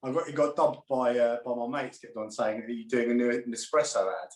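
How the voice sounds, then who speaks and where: A man as an interview guest on a video call, telling animated anecdotes and laughing often. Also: mid-range voice, fairly quick. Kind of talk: casual interview chat. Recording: roomy echo.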